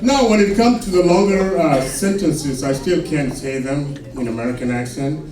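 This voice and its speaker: A man from Sudan with a Sudanese accent doing a stand-up comedy set on a club stage, delivering his punchlines slowly and deadpan. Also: fairly high pitch, far from the mic, background noise. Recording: echoey club recorded from afar with laughing crowd. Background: audience laughter.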